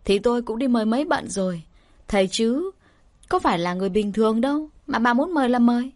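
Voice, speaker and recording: A woman's voice: medium pitch, big pitch swings, fairly quick, breathy edge. A woman voicing a worried middle-aged village carpenter who speaks wearily and snaps at his wife. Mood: scolding. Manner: weary, then sharp and scolding.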